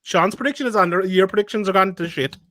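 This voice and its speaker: A young man with a notably high voice for a man, joking loudly through a live match chat and swearing as he goes. He reads out scores and odds between the banter. The sound is dry and close. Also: fast, no room sound. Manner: loud, jokey, swears, reads out bet odds. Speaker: podcast co-host. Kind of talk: casual chat over a live football match.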